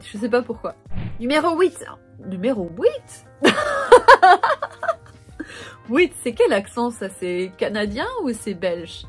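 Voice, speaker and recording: A woman's voice: a little high, husky. A young woman casually ranking perfumes in a vlog, chatty and playful, rattling off names. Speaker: perfume reviewer.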